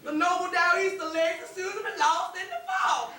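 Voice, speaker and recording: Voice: extremely high pitch, moderate pace, background noise. A stage actor playing a dim, boastful old harbor sailor with rustic folksy speech. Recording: echoey hall, distant mic.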